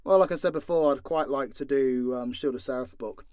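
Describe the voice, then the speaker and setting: This southern British man has a mid-range, darkish voice and talks a little fast, recorded cleanly in a studio with no echo. An audio story creator and voice actor, he answers questions in an unscripted, casual Q&A, using a southern English accent, frequent swearing, and a blunt, joking manner.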